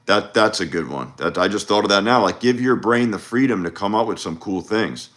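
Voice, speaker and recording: A man with a low, deep voice talks casually on a livestream. He rambles freely, restarting sentences and dropping in "you know" and "like" as he coaches. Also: lively intonation, a little fast, a bit bright. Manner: loose, rambling, with frequent fillers and restarts. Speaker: dating coach. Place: home livestream.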